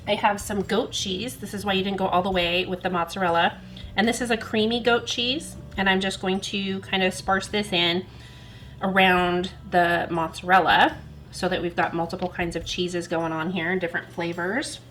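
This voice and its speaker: A woman hosting a cooking channel demonstrates home cooking in her kitchen, chatting and poking fun at herself as she narrates each step while working. Her voice is medium-pitched and fairly bright, with a flat delivery at a normal speed. The recording quality is low.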